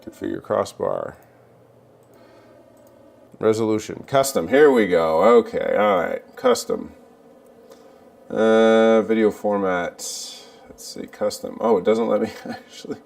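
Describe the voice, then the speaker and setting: A man's voice: lowish voice, measured pace, gravelly, pauses often, a little mellow, recorded from a distance. A man doing a casual livestream from his cluttered garage, chatting and muttering to himself while he fiddles with the settings. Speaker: livestreaming vlogger.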